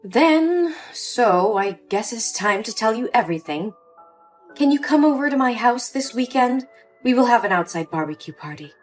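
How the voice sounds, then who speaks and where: A woman's voice: a little high, sing-song, normal speed, soft background music. Cold scheming older mother, voiced by a woman. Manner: cool, condescending.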